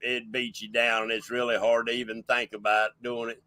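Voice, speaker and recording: A man's voice: mid-range voice, little pitch movement, brisk, bright, forceful tone, no echo. A man hosting a casual livestream chat show, folksy and rambling as he welcomes people in. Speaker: show host.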